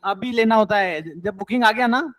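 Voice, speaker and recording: Man, high voice, accounts teacher, encouraging classroom teaching, dry sound. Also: normal speed, a bit bright, dry recording. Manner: coaxing and encouraging, mixing English terms.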